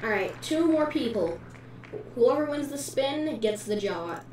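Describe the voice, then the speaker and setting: Echoey, high-voiced woman hosting a giveaway. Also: lively intonation, unhurried, darkish tone. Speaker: giveaway host. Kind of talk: casual giveaway video narration. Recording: echoey room, distant mic, faint noise.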